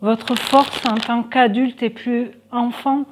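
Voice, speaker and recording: A woman's voice: a little high, steady tone, slow, background noise. A woman doing a casual tarot card reading for viewers, thinking aloud with many hesitations.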